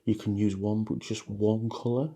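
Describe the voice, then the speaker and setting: A man giving a relaxed, chatty watercolour painting demonstration, talking loosely with plenty of ums as he paints. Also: lowish voice, moderate pace. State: a bit shaky from coffee. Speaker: watercolour teacher.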